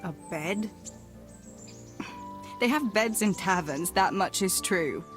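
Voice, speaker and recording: Theresa, a teasing young village sweetheart. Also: female voice, mid-range voice, lively intonation, slow, over music. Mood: playful. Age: young adult.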